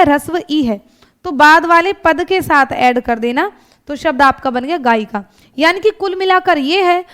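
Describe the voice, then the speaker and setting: A woman with a high voice teaches an exam-prep grammar lesson. She has a North Indian Hindi accent. She works through each example step by step and keeps asking her students rhetorical questions. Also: a bit bright. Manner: often adds checking tags like "thik hai" and "hai na".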